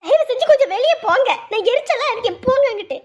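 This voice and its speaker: A woman's voice: very high voice, fairly quick, gravelly, a bit bright, exaggerated voice. A woman playing a distraught mother who pleads with and scolds her husband, her voice breaking into tears. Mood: distressed. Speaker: mother of a grown son. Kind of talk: Tamil family web drama acting.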